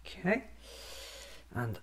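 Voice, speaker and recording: A man in his thirties playing a quirky time-travelling doctor in a soft-spoken ASMR roleplay, muttering haltingly to himself. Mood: musing, wry. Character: newly regenerated time-travelling alien doctor, musing, quirky, self-examining.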